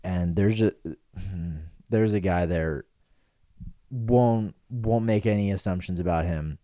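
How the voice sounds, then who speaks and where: A man's voice: low-pitched, takes it slowly, warm tone, no room sound, studio quality. A man in his twenties hosting a podcast, rambling and riffing in casual joking chat in a small room with pillows dampening the sound. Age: 20s. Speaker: podcast host.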